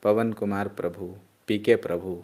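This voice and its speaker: A man teaching an online chemistry class. He drills students loudly in call-and-response and chides them as he goes. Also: lowish voice, fairly even intonation, measured pace.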